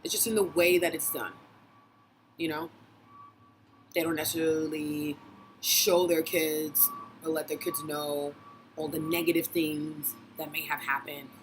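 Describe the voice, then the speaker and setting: A woman's voice: low voice, fairly even intonation, a little slow, pauses often, slight background noise, rough recording. A young woman from Brooklyn, giving a passionate, blunt vlog monologue with swearing and frequent laughs. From Brooklyn, New York. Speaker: vlogger and dating blogger. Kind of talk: casual opinion monologue.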